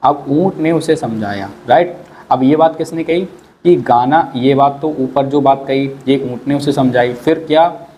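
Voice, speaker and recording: Slow, patient male English teacher. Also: mid-range voice, warm tone. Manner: slow, repeats each word and asks the class questions. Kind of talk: spoken English lesson in Hindi. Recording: faint background noise.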